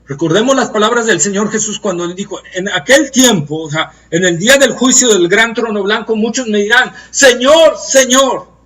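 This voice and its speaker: Guy preaching in a high voice, earnest, stretches out the big words, sounds far from the mic. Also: expressive, a bit bright. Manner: earnest, emphatic, slows to stress key phrases. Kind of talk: Bible study sermon.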